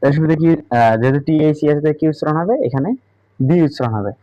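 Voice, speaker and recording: A man teaching an English grammar lesson, slow and deliberate, who keeps asking the viewer questions. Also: a little high, mellow, no room sound. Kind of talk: classroom-style grammar lesson. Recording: dull, dry sound.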